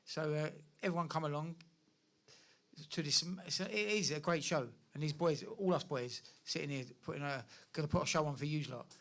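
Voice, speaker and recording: A man with a somewhat high voice gives informal promotional remarks as a boxer. He is polite and halting, often repeating himself. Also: a bit bright. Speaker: boxer at a press conference.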